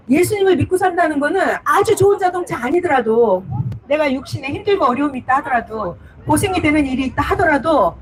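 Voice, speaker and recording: High-pitched woman preacher, simple bible storytelling, repeats words, asks listeners questions, faint background noise. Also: low-quality recording. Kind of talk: children's-style sermon storytelling.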